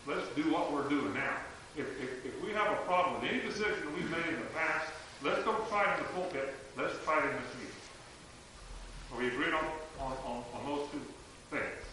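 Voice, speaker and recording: A man leading a church meeting discussion, reasoning aloud in a halting way. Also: a little high, lively intonation, bright, forceful tone. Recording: very echoey room, distant mic, clear noise.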